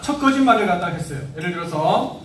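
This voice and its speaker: A man's voice: high voice, expressive, fast talker, fairly bright tone, slight background noise. A man, a pastor, giving a sermon to parents, acting out parent and child voices and putting questions to the congregation. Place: church hall. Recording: echoey church hall, mic at a distance.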